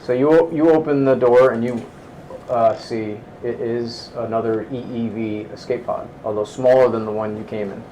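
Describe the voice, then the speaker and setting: A man narrating and explaining rules as game master, with halting restarts. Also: mid-range voice, fairly even intonation, mellow, slight background noise, poor audio.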